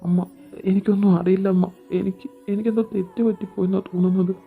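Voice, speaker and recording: A woman's voice: mid-range voice, little pitch movement, vocal fry, close to an everyday voice. A woman voicing a young male schoolteacher who stammers and hesitates. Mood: hesitant. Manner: halting, stammering. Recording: tinny phone-like sound. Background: faint background music.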